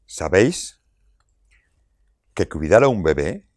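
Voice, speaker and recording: A man gives a lively explanatory talk to parents, his voice sitting low. He poses rhetorical questions and acts out little quotes. The sound is dry and close. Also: slow pace, no room sound. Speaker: speaker on child rearing.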